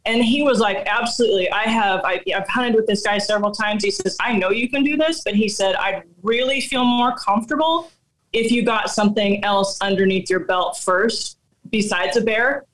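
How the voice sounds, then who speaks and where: A middle-aged woman tells her story in a casual, animated way. She laughs often as she goes, and her voice sits in an ordinary middle pitch. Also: moderate pace, poor audio. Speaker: guest hunter.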